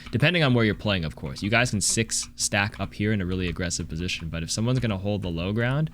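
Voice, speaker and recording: A man's voice: fairly low pitch, expressive, fast, fairly bright tone, a little hiss or hum. A man reviewing gameplay as a coach, talking casually in a blunt, analytical and sometimes sweary way. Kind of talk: casual live game review commentary.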